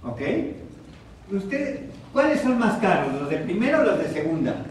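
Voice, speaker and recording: A man's voice: high voice, big pitch swings, crowd noise. Echoey lecturing Mexican man. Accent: Mexican Spanish. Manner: asks the audience questions, repeats key terms slowly. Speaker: psychiatrist giving a talk. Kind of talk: psychoeducation lecture. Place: hospital lecture room. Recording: very echoey room from far off.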